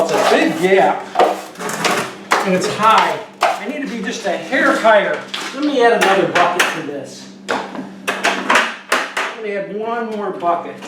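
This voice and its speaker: Joking drywall pro in an echoey garage. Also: male voice, sits high, animated, unhurried, pauses often. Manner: joking, rambling storyteller. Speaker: drywall finisher and show host. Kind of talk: casual how-to demonstration. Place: garage under repair. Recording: echoey garage, distant mic, noisy.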